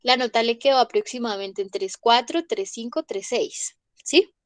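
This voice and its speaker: A young woman, teaching an English vocabulary class online. She goes slowly, says each word twice and checks in with the class. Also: on the high side, expressive, no room sound. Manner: slow, repeats each word and asks "¿listo?".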